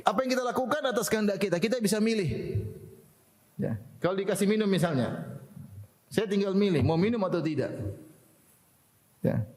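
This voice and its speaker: Male preacher, slightly high voice, chatty lecture style with rhetorical questions, reverberant hall. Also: animated, brisk, long pauses, a little mellow. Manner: asks the audience rhetorical questions, laughs often. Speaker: Islamic preacher. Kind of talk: religious lecture to a congregation.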